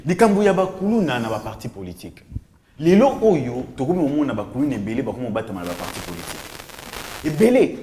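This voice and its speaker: A man's voice: medium pitch, very animated, fast talker, dark tone, echoey room, in a large hall, slight background noise. A man speaking as a panel guest, switching between French and Lingala, insistent and pressing his point. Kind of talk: heated panel debate.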